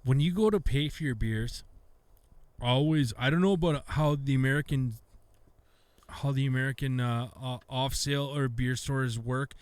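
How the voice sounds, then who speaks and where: Brief: Canadian guy, mid-pitch, profane rambling podcast co-host, dry close mic. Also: normal speed, darkish tone, clear, resonant tone, no room sound. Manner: profane, rambling, restarts often. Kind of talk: casual beer podcast chat.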